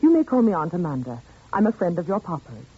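An actress playing a gentle, anxious family friend, soothing and hesitant, in 1940s radio suspense style. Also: female voice, lowish voice, very animated, fast talker, husky, heavily acted. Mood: gentle coaxing. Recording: muffled 1940s radio recording.

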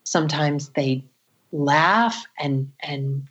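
Earnest woman audiologist with a low voice. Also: very slow, fairly bright tone, breathy edge, highs cut off. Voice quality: frequent "you know" fillers, earnest and reflective. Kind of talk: storytelling in a conversational interview.

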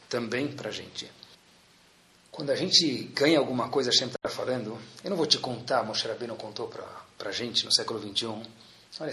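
Man, Brazilian accent, rabbi's Torah class, animated rhetorical questions, bright forceful tone, roomy echo. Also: medium pitch. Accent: Brazilian Portuguese. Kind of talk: Torah lesson.

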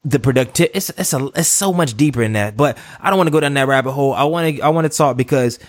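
A male podcast host with a medium-pitched voice talks loosely, circling back and restarting his thoughts. The sound is dry and close. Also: fast talker, no echo. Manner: rambling, many restarts and asides. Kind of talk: casual interview talk.

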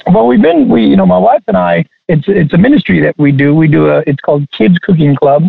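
Gravelly man chatting over a phone line. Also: high voice, dry recording. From Texas. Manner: halting, many restarts. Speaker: guest chef. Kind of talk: casual interview talk.

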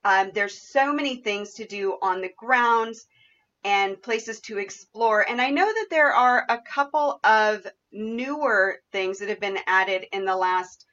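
A woman's voice: mid-range voice, measured pace, fairly bright tone, muffled recording. A woman hosting a podcast interview in a conversational style. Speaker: podcast host.

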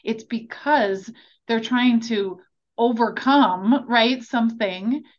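A woman's voice: a little high, slow. A woman hosting an interview, enthusiastic and chatty, often checking in with "right?". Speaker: podcast host. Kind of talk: conversational interview. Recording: dull lo-fi sound.

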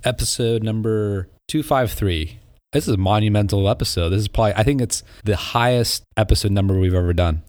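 A man chats casually as a podcast co-host. His voice is on the low side, with a dry sound free of room echo. He talks conversationally, posing questions and adding comments. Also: brisk, a little mellow, soft background music.

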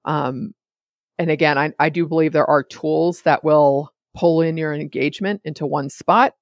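A woman talks through her solo podcast in a loose, chatty way, drifting off on side notes and pulling herself back. Her voice carries a gravelly fry at the edges, and the recording is dry with no room sound. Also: deep voice, steady tone, moderate pace, no room sound, lo-fi sound. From California. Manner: chatty and digressive, often sidetracking herself. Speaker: podcast host. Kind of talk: casual solo podcast monologue.

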